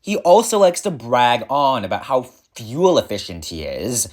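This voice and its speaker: A man's voice: medium pitch, wildly swooping pitch, unhurried. A man voicing a vain, jealous male engine who complains in an exasperated, dramatic, sarcastic way, in a fan audio drama.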